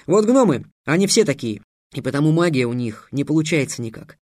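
A man's voice: fairly high pitch, sing-song, fairly quick, a little mellow, no echo, clean studio sound. A man voicing a young, sarcastic mage who lectures his enemy in a scornful tone. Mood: lecturing. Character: young sarcastic male mage, bold and mocking.

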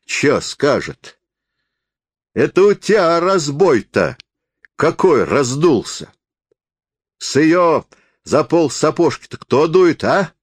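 A man's voice: fairly high pitch, breathy edge, dry recording, voice pushed up, full character voice. A man voicing a coarse, crafty peasant forester who talks in a jeering folksy drawl.

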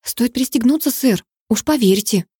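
A wry young woman cop confides a warning to her boss, as a woman narrator voices her. The voice is mellow, the recording dry. She sounds knowing. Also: fairly high pitch, animated, moderate pace, breathy edge, no room sound, voice pushed up.

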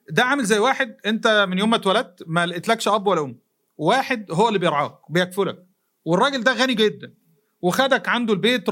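A man with an Egyptian accent delivers a mosque lesson at a rapid clip. His voice sits high and sounds bright and forceful. He speaks in everyday colloquial terms, questioning the audience and slipping into the voices of imagined people. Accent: Egyptian Arabic. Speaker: preacher.

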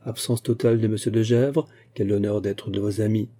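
Man reading as wry musketeer captain, courteous, insistent, very dark tone, husky, audiobook. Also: on the low side, steady tone, a little fast, natural voice. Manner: courteous, insistent, quietly ironic. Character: shrewd polite musketeer captain, middle-aged man.

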